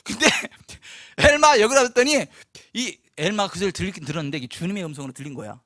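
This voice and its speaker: A pastor tells a story from the pulpit in a high, bright voice, acting out each person he quotes. He is animated and laughs often. The sound is close and dry. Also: fast talker, dry recording. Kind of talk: storytelling sermon. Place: church.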